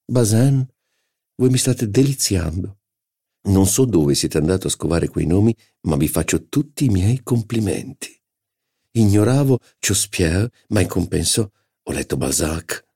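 A man's voice: low voice, lively intonation, a little slow, warm tone, breathy edge, voice pushed up, heavily acted. A man reading an audiobook, voicing a haughty, insolent aristocratic duchess with a drawling, incredulous, mocking manner. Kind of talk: audiobook character voice.

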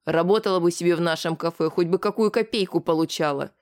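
The reader voicing a loud, furious middle-aged mother who shrieks coarse abuse in an audiobook. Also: quick pace, close to an everyday voice. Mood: screaming abuse. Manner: shrill shouting.

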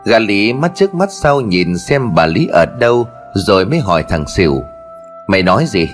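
A man's voice: fairly low pitch, very animated, moderate pace. A man narrating a comic folk tale in a colloquial, earthy and mocking way. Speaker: storyteller. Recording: faint music underneath.

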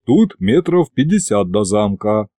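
A man voicing a cautious male adviser who speaks politely and formally in a low, hushed way. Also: very animated, a little slow, no room sound, clean studio sound. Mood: measured.

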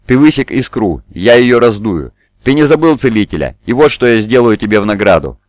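A man's voice: fairly low pitch, fairly quick, no echo. A man playing a teasing god in a boy's guise. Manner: calm, teasing, knowing. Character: god posing as a small mocking boy.

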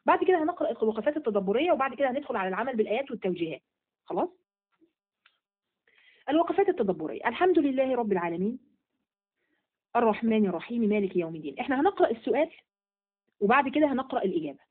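Fast-talking Egyptian woman teacher, tinny line. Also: fairly high pitch, sing-song, breathy edge. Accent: Egyptian Arabic. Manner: asks and answers her own questions. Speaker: religious teacher. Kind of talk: Quran study lesson.

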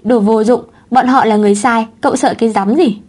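A woman's voice: fairly high pitch, fairly even intonation, a little fast, darkish tone, natural voice. A woman reading the lines of a rude, spiteful woman who sneers and scolds. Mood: scornful. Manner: scornful and scolding.

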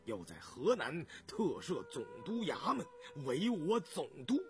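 A man voicing a tired, ailing middle-aged male official who speaks low and self-mockingly, for an audiobook. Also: wildly swooping pitch, unhurried, soft background music, heavily acted. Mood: weary. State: exhausted.

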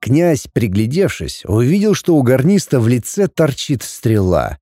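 Wry, warm-voiced male storyteller. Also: mid-range voice, big pitch swings, a little slow, no room sound, studio quality. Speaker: narrator. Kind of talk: audiobook reading.

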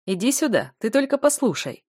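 A woman's voice: on the high side, very animated, brisk, a little mellow, slightly rough, no echo, clean studio sound, pitched above the performer's own voice. A woman voicing a jeering male healer. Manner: jeering, cackling. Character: mocking arrogant male town healer. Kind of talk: audiobook character voice.

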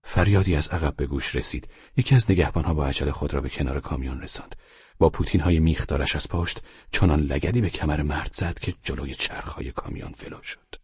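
Very deep, husky male narrator. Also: darkish tone, no echo, dull audio. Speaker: audiobook narrator. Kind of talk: scripted narration.

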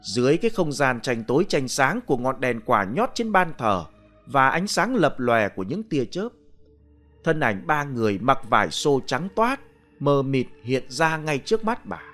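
A man narrating a ghost story in a dramatic, measured, atmospheric way. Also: medium pitch, big pitch swings, a bit bright, faint music behind.

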